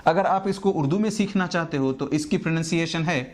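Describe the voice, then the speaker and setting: A man explaining English letter pronunciation in a lesson, patiently repeating each sound as a model. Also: fairly high pitch. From India. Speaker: English teacher.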